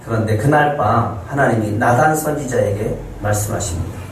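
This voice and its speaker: A man's voice: lowish voice, normal speed. Echoey distant male pastor preaching. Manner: storytelling, acting out quoted lines with rising emphasis. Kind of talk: sermon. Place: church sanctuary. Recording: echoey room, heard from a distance, faint noise.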